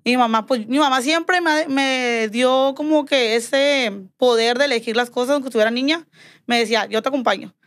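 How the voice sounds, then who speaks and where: This casual storytelling chat features a Mexican woman guesting on a podcast, speaking at a moderate pace in a high voice. She tells a personal story animatedly. Quoted dialogue gets acted out, and "me dijo" recurs often.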